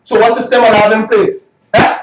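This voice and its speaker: A man's voice: high-pitched, flat delivery, fairly quick. A man from Trinidad with a Trinidadian accent, ranting bluntly and repetitively, swearing as he goes. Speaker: woodworker. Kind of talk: angry ranting monologue. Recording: echoey, distant, muffled.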